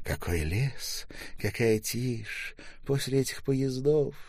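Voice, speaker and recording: A man voicing an elderly mother who fusses warmly over her grown son. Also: mid-range voice, expressive, takes it slowly, dry recording, studio quality, voice pushed up. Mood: doting. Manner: doting, exclamatory. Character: elderly mother, warm and fussy.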